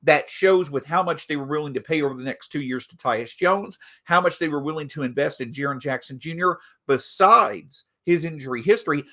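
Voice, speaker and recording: A man hosting a solo sports podcast, talking through team news in an animated way, a bit stuffy from allergies. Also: on the high side. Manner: animated, reads an ad mid-show. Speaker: podcast host.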